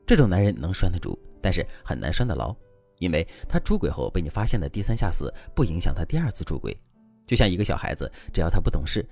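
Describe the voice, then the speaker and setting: A man with a very low, gravelly voice narrates a scripted relationship story and gives advice. His delivery is quick and dramatic, with sweeping pitch. Soft music plays underneath. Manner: dramatic, lively storytelling, advising tone. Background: soft background music.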